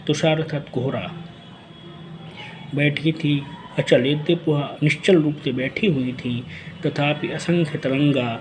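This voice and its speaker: Male teacher, unhurried delivery, recites a line then explains it; noisy recording. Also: fairly high pitch. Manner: recites verse lines then paraphrases them slowly. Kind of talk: line-by-line poetry explanation lesson.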